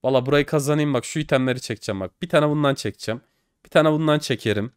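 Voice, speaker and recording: A young man giving casual commentary while opening game cases online. He gets excitable, swears and pleads at the screen. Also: mid-range voice, rapid-fire, clear, resonant tone, no room sound, clean studio sound. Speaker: case-opening streamer.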